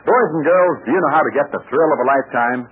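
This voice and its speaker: A man's voice: medium pitch, quick pace. A man with an American accent announcing and narrating an old radio adventure serial, with an emphatic, showmanlike delivery. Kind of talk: old-time radio announcer, scripted narration and sponsor pitch. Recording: scratchy 1940s radio recording, narrow band.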